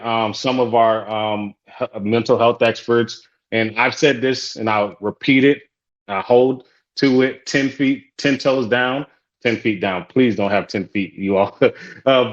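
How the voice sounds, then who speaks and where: With the highs cut off from the recording, a mid-range male voice is heard hosting an online support group call. The man, whose native language is Haitian Creole, keeps things light and upbeat and repeats his welcomes.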